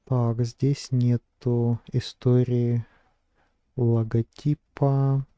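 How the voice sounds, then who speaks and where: Guy slowly talking through his screen, lots of ums, dark dry voice. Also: medium pitch, flat delivery, clean tone, no room sound. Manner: hesitant, thinking aloud with many fillers. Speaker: vlogger. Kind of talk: casual screen-recording narration.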